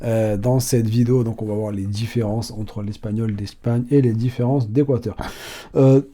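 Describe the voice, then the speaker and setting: A man's voice: lowish voice, steady tone, normal speed, dark tone. A man giving a casual video lesson as a Spanish teacher, chatty and informal, talking straight to the viewer.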